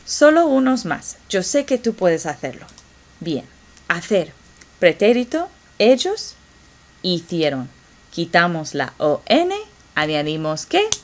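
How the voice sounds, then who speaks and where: Slow, lively woman teaching Spanish. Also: fairly low pitch. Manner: slow, encouraging drill pace with pauses. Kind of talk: classroom grammar lesson.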